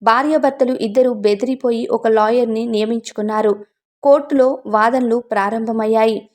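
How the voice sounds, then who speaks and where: A woman narrating a scripted emotional story in an even, earnest way. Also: on the high side, normal speed.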